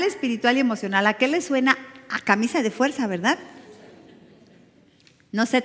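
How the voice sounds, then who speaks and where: A woman's voice: mid-range voice, fairly bright tone. A Mexican woman delivers a sermon in a mid-range voice, full of rhetorical questions and dramatic emphasis. Her words ring out with a long hall reverb behind them, as if recorded in a church. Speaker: pastor. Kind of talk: sermon to a women's group.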